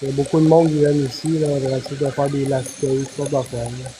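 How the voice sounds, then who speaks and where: A man's voice: mid-range voice, level tone, quick pace, noisy background. A man with a Quebec French accent hosting a paranormal live stream from an abandoned hangar, chatting casually and putting questions to spirits.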